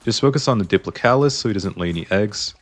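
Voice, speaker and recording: Over faint background music, this gaming YouTuber's low-ish voice is animated and fast. He chats while playing, explaining his decisions, and sounds slightly strained.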